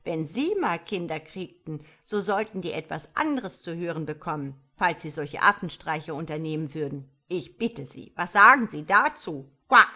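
A woman voicing a fussy old mother frog who scolds loudly and croaks "quack" between words. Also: low voice, lively intonation, moderate pace, hardly any pauses, heavily acted. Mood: aggrieved.

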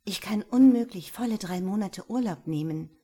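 A woman's voice: mid-range voice, normal speed, warm tone, natural voice. A woman reading the lines of a young woman who answers brusquely and sounds flustered. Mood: refusing. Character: young woman, prickly and torn.

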